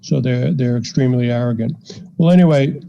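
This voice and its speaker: Gravelly older man telling a story. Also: mid-range voice, noisy background. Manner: measured, anecdotal, frequent "you know" fillers. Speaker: psychiatrist guest. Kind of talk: storytelling in a podcast interview. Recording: dull lo-fi podcast audio.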